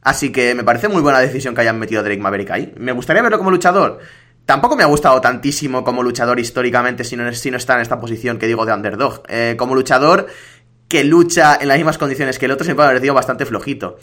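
A man hosts a casual podcast, rattling through listener questions at a brisk clip. His voice is bright and forward, and he talks quickly and energetically. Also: mid-range voice. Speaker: podcast host. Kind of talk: casual wrestling podcast chat.

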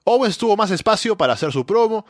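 A man with a somewhat higher voice co-hosts a casual podcast, talking in an easygoing way that thinks aloud. The sound is dry and close, with no room around it. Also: expressive, fast, no echo. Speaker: podcast co-host. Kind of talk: casual wrestling podcast chat.

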